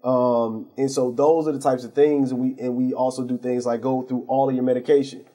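A man speaks as a guest on a local TV talk show, explaining things earnestly with many fillers and restarts. His voice is dark and a little husky. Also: mid-range voice, level tone, brisk. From St. Louis area. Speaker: pharmacy owner, guest. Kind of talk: TV interview.

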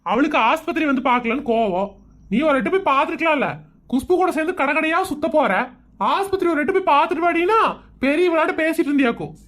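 A woman's voice: high voice, fast talker, close to an everyday voice. A woman acting a tipsy husband who fumbles excuses and scolds his wife in a comedy skit. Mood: bossy. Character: tipsy bumbling husband, middle-aged man, evasive.

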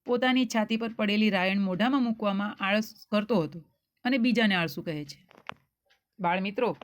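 A woman's voice: mid-range voice, normal speed. A woman telling a children's story, speaking directly to young listeners and asking them questions.

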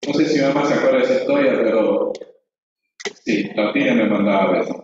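A man's voice: medium pitch, brisk, darkish tone, a little hiss or hum. A man teaching Sunday school in a conversational way, acting out voices of quarreling children. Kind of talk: church teaching. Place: church hall. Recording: echoey, distant, dull church audio.

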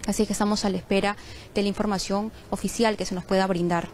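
A woman from Peru delivering a live news report from a crime scene, measured and a little halting. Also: medium pitch, level tone, darkish tone, a little hiss or hum. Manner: measured, with frequent fillers. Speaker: field reporter. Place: outdoors on a street at a crime scene.

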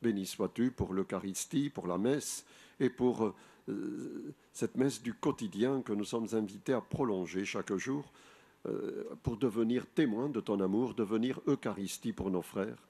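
A man in his sixties, a priest, leading the rosary and a spoken meditation in slow, measured recitation at an outdoor grotto, speaking into a lectern mic. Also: on the low side, mellow, breathy edge. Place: outdoor rock grotto shrine. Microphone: boom mic on a lectern.

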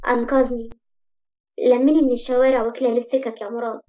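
A tearful woman in her forties pleads nervously, as a woman with an Egyptian accent puts her on. The voice is high and mellow, as in a spoken storybook. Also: level tone, fast, muffled recording, lightly acted. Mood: pleading. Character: tearful middle-aged woman, timid and pleading.

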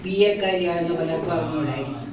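A woman's voice: low voice, quick pace, heavy background noise. A woman gives a reminiscing speech at a family celebration, telling stories. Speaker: guest speaker. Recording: echoey hall, far from the mic, crowd.

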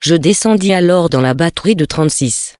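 A man reading a sea story aloud, with steady, even storytelling and lightly voiced dialogue. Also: a little high, fairly quick, dry recording, clean studio sound. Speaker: reader.

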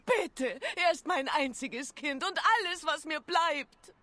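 A woman's voice: sits high, unhurried, fairly bright tone. A woman voicing a desperate mother who pleads for her son in a German game dub. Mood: pleading.

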